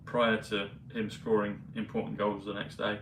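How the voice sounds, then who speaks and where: Low flat-voiced man rambling. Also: background noise. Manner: meandering, hesitant, many pauses and fillers. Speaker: vlogger. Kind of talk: rambling casual monologue. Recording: roomy, mic at a distance, faint ambience.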